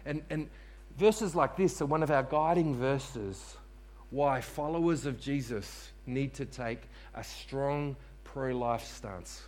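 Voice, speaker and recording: A man's voice: mid-range voice, takes it slowly, darkish tone. A man preaching a sermon to a congregation in church, repeating key phrases for emphasis and calling on listeners to respond. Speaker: pastor.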